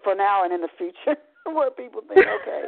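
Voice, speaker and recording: Gravelly woman hosting talk radio by phone. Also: medium pitch, expressive, brisk. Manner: chatty, many restarts. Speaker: radio talk show host. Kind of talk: talk radio, reading a novel aloud. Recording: tinny phone line, dry.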